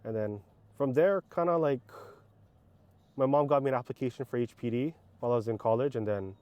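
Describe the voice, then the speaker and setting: A man in his thirties from Hawaii, a police officer, telling stories casually in halting, informal phrases. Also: medium pitch, a little mellow, clear, resonant tone, no room sound. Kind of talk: casual interview storytelling. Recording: faint background noise.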